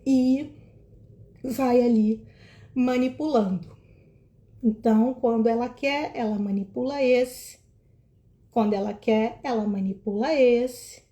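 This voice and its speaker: A woman explaining relationship patterns to viewers in an animated way, pointing and acting out quotes. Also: fairly high pitch. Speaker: emotional wellbeing educator. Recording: echoey room.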